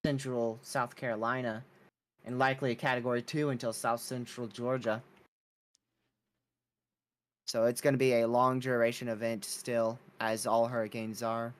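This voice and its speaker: Male weather stream host, mid-pitched voice, casual and unscripted live storm updates.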